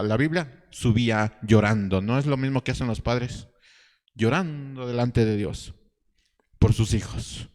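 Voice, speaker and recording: A man preaching a sermon as pastor, telling a story with rhetorical questions and halting restarts. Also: mid-range voice, darkish tone, big-room sound. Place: church hall.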